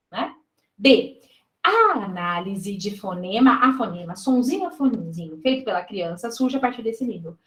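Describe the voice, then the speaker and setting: A woman's voice: fairly high pitch, fairly bright tone, reverberant, rough recording. A woman teaching an exam-prep lesson in Brazilian Portuguese. She explains step by step and keeps checking in with her students. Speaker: teacher reviewing exam questions.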